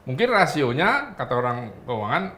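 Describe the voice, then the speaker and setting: A man, a guest chatting casually on a talk show, animated and playing out quoted remarks. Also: on the high side, normal speed, a loud crowd. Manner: animated, acts out quoted speech. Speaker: guest commentator.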